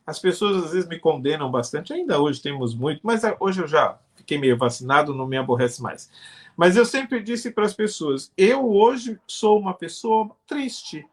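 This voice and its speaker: A man's voice: sits high, very animated, moderate pace. An older man from Brazil, a pastor, answering in an earnest, explanatory way during a live-streamed interview.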